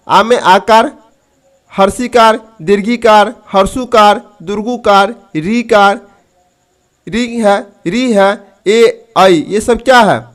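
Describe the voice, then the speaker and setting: Man, high-pitched, grammar teacher, quizzes students, stretches out key terms. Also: a bit bright. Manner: asks students questions then answers them; drawls key terms slowly. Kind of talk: grammar lesson.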